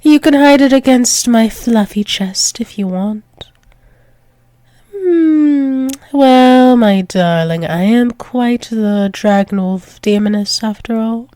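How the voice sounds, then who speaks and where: With a slightly high, warm voice and an unhurried pace, a woman performs an intimate ASMR roleplay as a doting, dominant dragon-wolf demoness lover. She teases with pet names and slips into whispers, in a mood both teasing and tender. There's no room sound.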